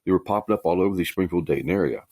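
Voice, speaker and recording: A man's voice: low-pitched, rapid-fire, dark tone, no echo, clean studio sound. A man in his sixties from Ohio, leaving a voicemail message as a caller and telling his own story in a rambling, casual way, often restarting mid-sentence. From Ohio, USA. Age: 60s. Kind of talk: casual first-person storytelling.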